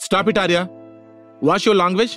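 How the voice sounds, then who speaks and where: A man's voice: on the high side, expressive, rapid-fire, a bit bright, faint music behind. A man voicing a strict young female senior student who teaches the class, speaking seriously and sternly. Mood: sharp.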